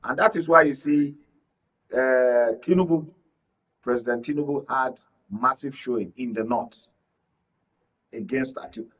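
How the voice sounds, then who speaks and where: Unhurried and pausing often, a Nigerian media analyst weighs in on politics as a studio guest, pressing his points with emphatic repetition. His voice is medium-pitched and fairly bright, and the recording is dull and lo-fi from a distant mic.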